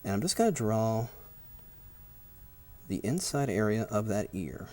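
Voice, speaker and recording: A man presenting a software tutorial, giving brisk step-by-step instructions. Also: on the low side, very animated.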